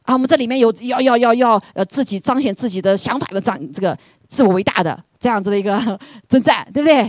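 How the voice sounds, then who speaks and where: Woman pastor giving a sermon, kinda husky, dry close sound, lots of back and forth questions. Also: a little high, fast, dry recording. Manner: animated, rhetorical questions, frequent "对不对".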